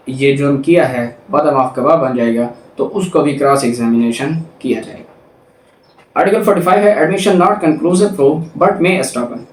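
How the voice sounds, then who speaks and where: Recorded on a distant mic in an echoey room, a Pakistani law lecturer explains legal articles with a voice on the high side. His manner is didactic as he moves back and forth between Urdu explanation and English legal terms.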